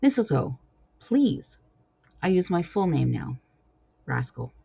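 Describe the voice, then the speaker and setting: A woman's voice: on the low side, sing-song, takes it slowly, vocal fry, dark tone, slightly rough, no room sound, dull audio, exaggerated voice. A woman voicing a prim, proper young female cat in a storybook reading, speaking with haughty disbelief. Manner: incredulous, haughty.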